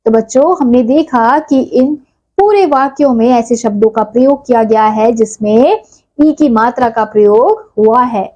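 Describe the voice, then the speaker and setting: A woman's voice: fairly high pitch, normal speed, darkish tone, lo-fi sound. A woman teaching a primary school lesson, spelling words out sound by sound and lifting her voice on each answer.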